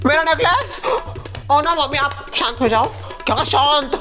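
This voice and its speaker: A man playing a whole household of women and neighbours in a comedy skit, jumping between squeaky and low put-on voices, with music behind him. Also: a little slow. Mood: frantic scolding. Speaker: sketch comedian playing all characters. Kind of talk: comedy skit with one performer in every role.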